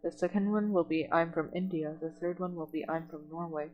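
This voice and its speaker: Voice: mid-range voice, steady tone, a little fast, highs cut off. A tutor in an online coding lesson who reads documentation aloud and then explains it plainly, step by step.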